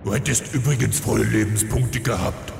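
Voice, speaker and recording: A man playing a bored, patronizing villain with a deadpan manner in a fantasy comedy. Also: lowish voice, normal speed, vocal fry. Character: unimpressed, bored, patronizing male villain companion. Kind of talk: scripted fantasy comedy dub. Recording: echoey hall, faint noise.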